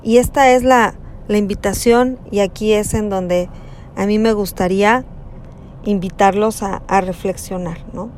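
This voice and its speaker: A woman giving a slow, conversational reflection on a Gospel passage, often adding tag questions. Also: mid-range voice, steady tone, a little mellow, slight background noise. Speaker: preacher.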